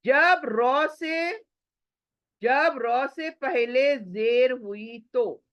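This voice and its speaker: Patient woman recitation teacher, slightly high voice, unhurried, dry close-mic delivery. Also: no room sound, highs cut off. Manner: slow and patient, drawing out example words, mixing in English phrases. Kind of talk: online lesson, explaining and demonstrating.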